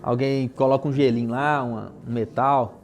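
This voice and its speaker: Brazilian male pastor, live sermon in church, chatty and animated storyteller. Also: medium pitch, normal speed, faint music behind. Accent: Brazilian Portuguese. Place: church before a congregation.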